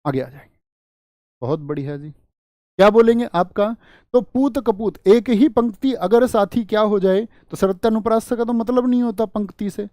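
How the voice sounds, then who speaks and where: A man's voice: high voice, warm tone, no echo, clean studio sound. Man teaching with repeated quiz questions. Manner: drills points by repeating them; keeps firing quiz questions at students. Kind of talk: online exam-prep lesson.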